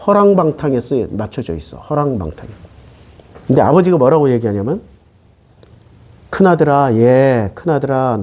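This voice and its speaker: A male pastor preaching a sermon. He keeps asking the congregation questions and answering them himself. His voice rises high and drops low, and his casual talk mixes with formal scripture reading. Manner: swings between raised and low, soft phrases.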